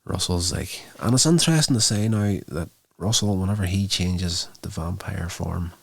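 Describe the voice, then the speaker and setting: Low gravelly man recapping a show. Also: moderate pace, no echo. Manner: loose, rambling retelling full of "uh" fillers. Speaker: show host reviewing a TV episode. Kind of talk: casual spoken recap.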